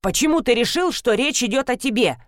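A woman reading an audiobook, voicing an excitable, bossy older mother-in-law who gives commands. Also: fairly quick, no echo, studio quality, close to an everyday voice. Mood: commanding. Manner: commanding, shrill when alarmed.

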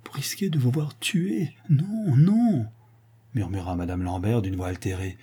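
A man's voice: mid-range voice, lively intonation, unhurried, mellow, slightly rough. A man reading the part of a timid, anxious young wife who hesitates and falters in a storybook reading.

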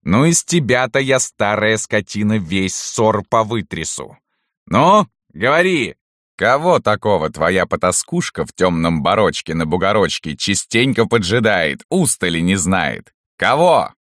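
A man's voice: fairly low pitch, very animated, measured pace, fairly bright tone, no echo, studio quality, pitched above the performer's own voice. A man voicing a cruel, mocking middle-aged noblewoman landowner who taunts her serfs in a sneering sing-song.

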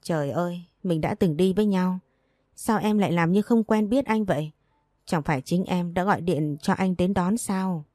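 A woman's voice: on the low side, normal speed, darkish tone, no echo, studio quality, natural voice. A woman doing a smirking sleazy man. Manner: smirking, wheedling.

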